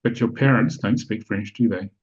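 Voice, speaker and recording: A man presenting a spiritual webinar speaks in a lowish, slightly rough voice at a moderate pace, his audio dull and lo-fi like an online call. He walks through ideas step by step, frequently making sure listeners keep up.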